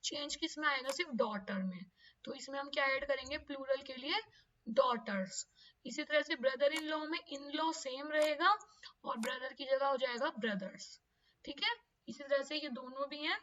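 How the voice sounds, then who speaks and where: A woman explains English grammar to children at an unhurried pace, spelling words out letter by letter. Her voice sits high. The recording is dull and lo-fi, picked up from a little way off the mic. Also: fairly bright tone. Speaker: teacher. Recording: distant, dull lo-fi audio.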